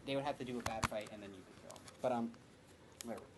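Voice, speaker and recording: A man with a mid-range voice talks rapid-fire over heavy background noise while streaming a video game. His casual commentary is rambling and jokey, and he keeps correcting himself as he plans his route.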